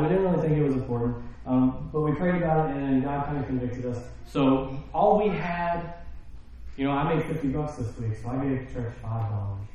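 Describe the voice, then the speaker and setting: A man preaching a sermon in a relaxed, conversational way, often checking in with his congregation. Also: fairly high pitch. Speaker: pastor. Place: church sanctuary. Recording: very echoey hall.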